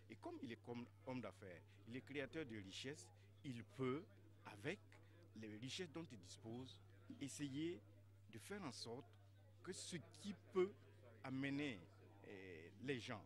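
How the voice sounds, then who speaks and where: A man with a Burkinabe French accent answers a news interview deliberately, pausing to search for his words. His voice sits at an ordinary middle pitch. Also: animated.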